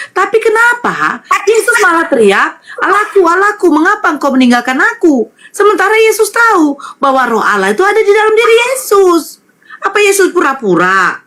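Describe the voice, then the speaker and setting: A woman's voice: sits high, fairly bright tone, a little hiss or hum. A woman in a heated interfaith debate, pressing her opponent with rhetorical questions and made-up examples.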